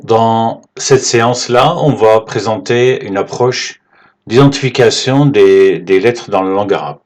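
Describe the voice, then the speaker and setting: Man, Arabic teacher, low voice, slow patient whiteboard lesson. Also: a little mellow. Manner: slow and patient, checks in with "d'accord?".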